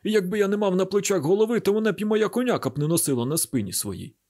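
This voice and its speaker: A man's voice: a little high, expressive, moderate pace, darkish tone, slightly rough. A man voicing a bitter old village father, a cattle healer, in an audiobook drama reading, talking with heated, grieving reproach. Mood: indignant.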